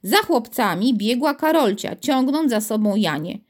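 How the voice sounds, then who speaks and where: Kobieta czytająca ekspresyjnie bajkę dla dzieci. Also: female voice, fairly high pitch, a little slow. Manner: expressive storytelling. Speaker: narrator. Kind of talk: audiobook reading for children.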